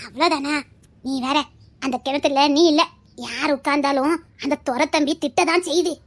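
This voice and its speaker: A blunt old village grandmother with a Tirunelveli accent lectures and teases in a lowered, gravelly-sounding register, as a woman acts her out. She talks like someone who has seen it all. This is a one-voice audio drama. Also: steady tone, moderate pace. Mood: gossiping. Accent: Tirunelveli Tamil. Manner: scolding, lecturing, teasing.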